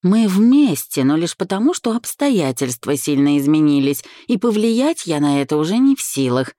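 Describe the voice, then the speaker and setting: A woman's voice: sits low, sing-song, normal speed, mellow, no room sound, clean studio sound. A woman voicing a brash, defensive young man who blusters and snaps back in an audiobook. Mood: snapping.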